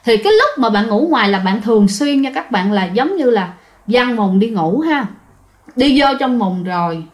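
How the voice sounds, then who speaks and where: A woman with a Southern Vietnamese accent telling ghost stories in a chatty way, often turning to her listeners. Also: a little high. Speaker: storyteller. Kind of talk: casual ghost-story telling.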